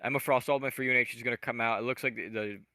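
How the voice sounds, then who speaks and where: A man doing fast play-by-play commentary on a college esports match, rattling off calls at an auctioneer's pace. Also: medium pitch, fairly even intonation, bright, forceful tone, no room sound. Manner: rapid-fire play-by-play, self-described auctioneer pace.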